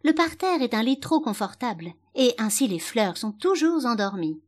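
A woman's voice: a little high, very animated, normal speed, voice pushed up. A woman voicing a proud, bossy talking tiger-lily flower that scolds and commands. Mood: lecturing.

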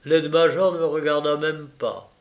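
A man narrating a literary story in a measured audiobook reading. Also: a little high, steady tone, dull audio. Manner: slow, measured.

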